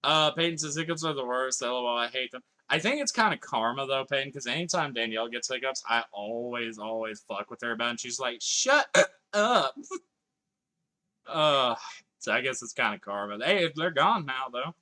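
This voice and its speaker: A gaming livestreamer with a mid-range, pushed and bright voice talks fairly quickly. He chats casually with viewers while playing, reading their messages aloud and swearing now and then.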